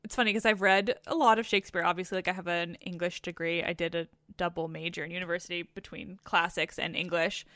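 A woman's voice: on the low side, fairly even intonation, fast, few pauses, bright, forceful tone, dry recording, clean studio sound. A young Canadian woman hosting a podcast, chatting casually and with self-deprecating humour. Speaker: podcast host. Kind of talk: casual conversation.

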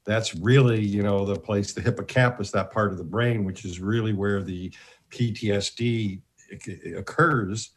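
A man hosting a talk show, giving background in a measured, explanatory way. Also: on the low side, steady tone, a little hiss or hum.

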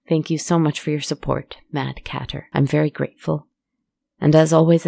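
A woman with a husky, creaky voice, speaking as host of a horror podcast in a measured, intimate scripted address to listeners. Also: sits low, mellow, no room sound.

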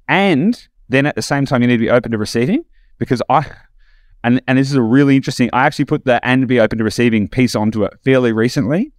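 A man's voice: mid-range voice, no room sound, studio quality. A man hosting a podcast, talking reflectively and enthusiastically, rambling with restarts. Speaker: podcast host. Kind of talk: casual podcast conversation.

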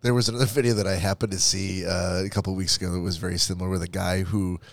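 A man's voice: deep voice, flat delivery, very fast, gravelly, no echo. A man co-hosting a casual podcast, rambling through an anecdote with fillers. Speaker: podcast co-host. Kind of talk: casual chat.

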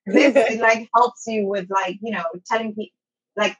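A husky, somewhat high female voice speaks at a moderate pace with fairly even intonation, captured on a low-quality recording. She is a Somali-born woman now in London, by way of a childhood in Saudi Arabia, telling her own story informally as an interview guest who teaches English online.

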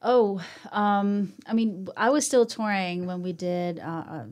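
A woman's voice: medium pitch, unhurried, darkish tone. A woman from Sweden, co-founder of a puppetry company, speaking casually in a podcast interview, laughing easily between fillers.

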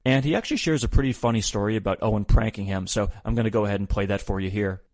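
Podcast host, male, fairly low pitch, dry close mic, wry scripted recap delivery. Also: rapid-fire, darkish tone, dry recording. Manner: wry, opinionated commentary with mild swearing.

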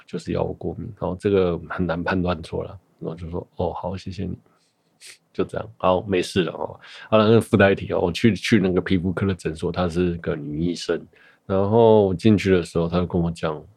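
A man's voice: sits low, creaky, darkish tone, breathy edge, dry recording, clean studio sound. A man in his thirties hosting a podcast, chatting casually on his own and telling a story in a rambling way, often correcting himself. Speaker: podcast host. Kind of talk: casual solo chat.

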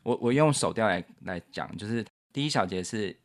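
A man's voice: on the low side, animated, a little fast, slight background noise. A man co-hosting a casual chat, patiently explaining his piano composition step by step and counting beats aloud.

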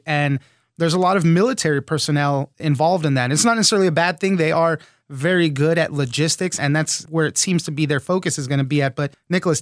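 An American man hosts a news podcast in a slightly high voice. He delivers scripted reports and interview questions. The sound is dry and close, with very little room. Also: dry recording. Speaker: podcast host.

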